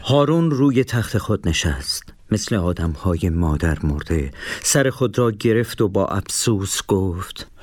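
Low-voiced male storyteller, dry sound. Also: dry recording. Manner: steady, measured storytelling. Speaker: narrator. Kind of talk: storybook narration.

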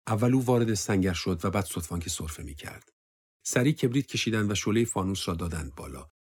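A man with a husky voice giving a steady, sombre audiobook reading of a war story, lightly voicing the dialogue. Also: deep voice.

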